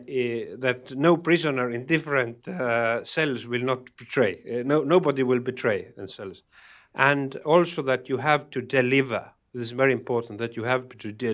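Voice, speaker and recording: A man at a public panel answers questions from the audience. He speaks haltingly and fills his pauses with frequent hesitations and false starts. His voice sits at a middling pitch. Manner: halting, many fillers and restarts. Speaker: panel speaker on security policy.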